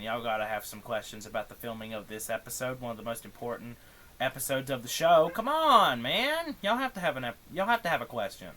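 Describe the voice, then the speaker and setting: A young man streaming live, talking in an excitable, pushy way and laughing. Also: medium pitch, a little hiss or hum.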